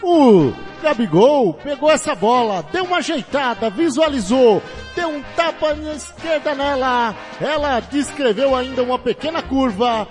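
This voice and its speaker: A man giving excited radio analysis of a football goal, emphatic and playful with his words. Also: very high-pitched, normal speed, faint music behind. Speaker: football commentator.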